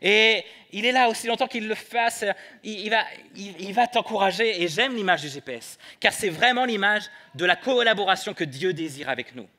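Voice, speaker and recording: A man preaching a sermon in church, moving between soft prayer and light humor. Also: high-pitched, animated, normal speed, hardly any pauses. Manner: prays softly then preaches with humor. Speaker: pastor.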